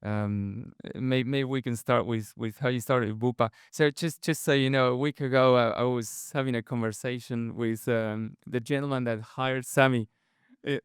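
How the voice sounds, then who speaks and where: A man's voice: medium pitch, fairly even intonation, normal speed, clear, resonant tone, no echo, studio quality. A man moderating a conference panel, introducing guests with many fillers and restarts. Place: conference stage.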